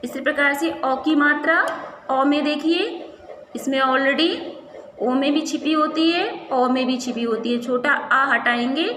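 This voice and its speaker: A woman teaching a primary school Hindi class, sounding out words slowly syllable by syllable and asking and answering her own questions. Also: high-pitched, fairly bright tone. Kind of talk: classroom lesson, slow syllable-by-syllable drilling. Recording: echoey room with faint ambient noise.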